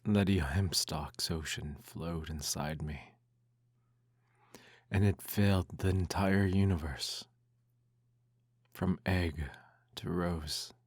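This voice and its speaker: A man in an ASMR role-play reads a bedtime story aloud in a soft, intimate, hushed voice that slips into speaks softly. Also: deep voice, steady tone, takes it slowly, long pauses, slightly rough, no echo, studio quality.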